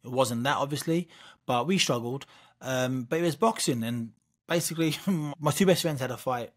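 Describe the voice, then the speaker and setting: A middle-aged man, a guest on an interview, telling lively anecdotes from his youth in a casual way. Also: medium pitch, normal speed. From United Kingdom. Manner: vivid, animated anecdote-telling with laughs. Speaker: guest, former Olympic boxer.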